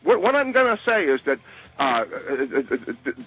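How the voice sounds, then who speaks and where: Dull lo-fi call, male caller, Boston accent, husky, lively swooping pitch, halting and repetitive. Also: dry recording. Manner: halting, repeats words as he goes. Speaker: radio call-in listener. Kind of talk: rambling call-in opinion.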